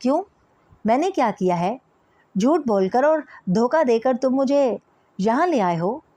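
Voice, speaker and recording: A woman's voice: on the high side, lively intonation, normal speed, dark tone, dry recording, close to an everyday voice. A woman reading the part of a young woman who protests, distressed and indignant, against a marriage forced on her. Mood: furious.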